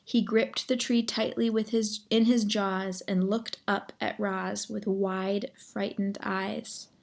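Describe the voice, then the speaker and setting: A woman reading a children's novel aloud as narrator, measured and expressive, sometimes addressing the reader directly. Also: mid-range voice, gravelly.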